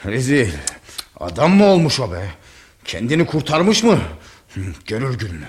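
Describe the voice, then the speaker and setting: A man's voice: mid-range voice, very animated, normal speed, natural voice. An actor playing a stern, hot-tempered village father who guards his family's honor and barks orders. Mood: angry. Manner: domineering, barking orders. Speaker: angry father of the household.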